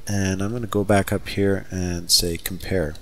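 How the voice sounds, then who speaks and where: A man teaching a software scripting lesson over a screen recording, talking casually and thinking aloud with fillers as he types. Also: low voice, little pitch movement, moderate pace, slight background noise. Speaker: software trainer. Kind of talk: screen-recorded coding tutorial.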